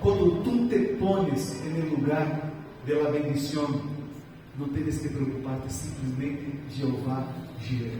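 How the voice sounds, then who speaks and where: A man preaching a sermon as a guest preacher, telling stories with strong feeling and moving between loud and soft passages. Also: a little high, slow, faint music behind. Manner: emotional storytelling, swinging between loud and soft. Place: church hall. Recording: echoey church hall, mic from far off.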